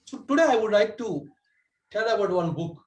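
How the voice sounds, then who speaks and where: A man's voice: sits high, animated, normal speed, a little mellow, reverberant, low-quality recording. A man giving a prepared club speech over a video call, earnest and correcting himself as he goes. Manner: earnest, with restarts and self-corrections. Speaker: club speaker.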